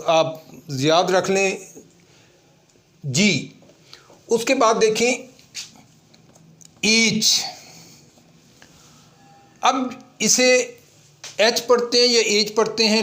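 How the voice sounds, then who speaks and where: A male teacher lectures at an unhurried, deliberate pace. His voice sits high for a man. He keeps asking the class a question and then giving the answer himself.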